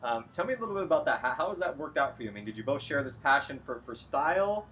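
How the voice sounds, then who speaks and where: Bright-voiced man hosting an interview. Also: medium pitch, very animated, a little hiss or hum, rough recording. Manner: friendly, halting with many fillers and restarts. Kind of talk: casual interview. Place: salon, outdoors then indoors.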